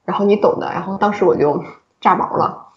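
A woman's voice: mid-range voice, brisk. A woman, a doctor and podcast co-host, telling a story from work in a casual chat, laughing often as she goes. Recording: roomy, slightly dull recording.

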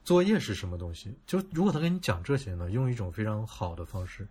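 A man's voice: on the low side, sing-song, quick pace, mellow. A man from northeast China co-hosting a podcast, chatting casually with a dry, wry humor. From Harbin, northeast China. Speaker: podcast co-host. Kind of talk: casual chat.

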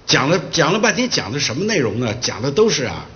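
Man lecturing on history, very lively pitch, dull lo-fi sound. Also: fast. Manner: animated storytelling, acts out quoted dialogue.

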